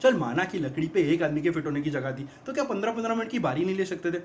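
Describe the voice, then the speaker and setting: An actor playing an exasperated young man in a rapid-fire, mocking film comedy monologue about girlfriends. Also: fairly high pitch, animated, slight background noise, natural voice. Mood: ranting. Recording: dull lo-fi film audio.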